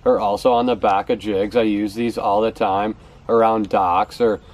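A young fishing vlogger, speaking at normal speed in a low, slightly mellow voice with a steady tone, casually presents his favorite baits to the camera. He sits outdoors on the back porch steps of a house and tends to repeat words for emphasis.

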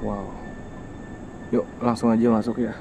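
Exploring an abandoned villa at night, this young vlogger with a Jakarta-area Indonesian accent walks through the rooms narrating in casual slang, exclaiming and tossing in English interjections. His voice is lowish, fairly flat in pitch and a little slow. His handheld camera microphone picks up clearly noisy ambience, both outdoors and in.

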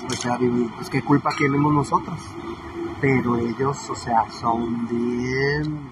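Comic character piece: man playing a crude, chatty Mexican woman, mid-pitched, recorded far from the mic over a noisy background. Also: close to an everyday voice. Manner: rambling, chatty, swears, trails off mid-sentence. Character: brash gossipy woman, rambling and crude. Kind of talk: comedic character monologue. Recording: distant mic with noisy ambience.

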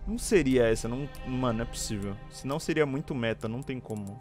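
A man's voice: medium pitch, fast, a little mellow, faint music behind. A young Brazilian man giving casual live commentary on a horror game, jumpy, exclaiming and swearing like a scared streamer. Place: indoor room, streaming webcam setup.

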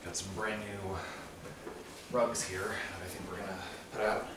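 Young man, very low voice, loose rambling home tour; noisy handheld camera audio. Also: flat delivery, a little slow. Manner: rambling, loose, lots of fillers. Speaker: vlogger. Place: carpeted family house indoors. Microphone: handheld camera mic.

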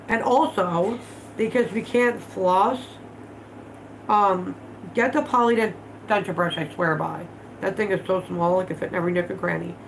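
This vlog host, a woman in her thirties with allergy congestion, has a creaky voice on the low side as she chats bluntly and swears freely during a casual home livestream. Her hands stay busy as she talks from her living room, and the low-quality recording carries a little hiss or hum.

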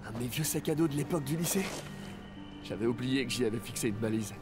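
A man plays a young game superhero, friendly and a little awkward. His voice sits at a medium pitch, natural and earnest, over a musical score. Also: fast, music in the background, lightly acted. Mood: nostalgic. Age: young adult. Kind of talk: naturalistic French video game dub acting.

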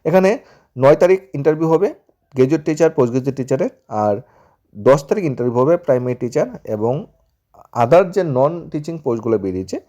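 Man, job-news presenter, rapid and dark-toned, rattles off listings with restarts. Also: mid-range voice. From Tripura, India. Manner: reads listings quickly with restarts and English terms mixed in. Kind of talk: casual job-news rundown.

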